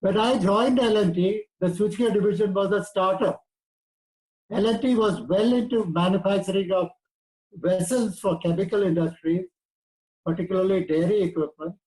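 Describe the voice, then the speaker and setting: Older Indian English speaker, 80s, fairly high voice, steady lecturing delivery. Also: male voice, low-quality recording. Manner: measured, lecturing. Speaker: guest speaker. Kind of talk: prepared talk.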